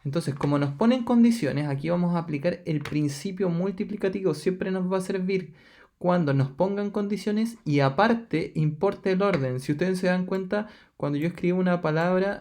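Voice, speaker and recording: Chilean male teacher with a gravelly voice. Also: sits high, darkish tone. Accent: Chilean Spanish. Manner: patient, steps through counting aloud with frequent "ya". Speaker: math teacher. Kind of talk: recorded lesson explaining exercises.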